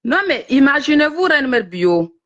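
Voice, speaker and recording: A woman's voice: sits high, sing-song, moderate pace, fairly bright tone, highs cut off. A woman who is a guest on a live stream, ranting indignantly and hurling insults. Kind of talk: heated live-stream chat.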